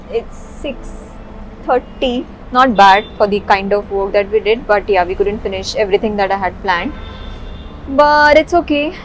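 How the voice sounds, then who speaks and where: A woman's voice: mid-range voice, low-quality recording. A woman, chatting casually to a phone camera at arm's length in a cafe, upbeat and laughing often. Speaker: vlogger and cafe owner. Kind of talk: casual behind-the-scenes vlog. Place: cafe, indoors and on a leafy outdoor terrace. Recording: phone vlog with music underneath. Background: background music.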